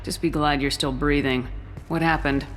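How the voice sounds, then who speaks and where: A woman's voice: deep voice, steady tone, moderate pace, natural voice. A woman playing a tough, curt female military commander in a video game, firm and focused. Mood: terse. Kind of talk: video game dialogue acting. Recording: game music behind the voice.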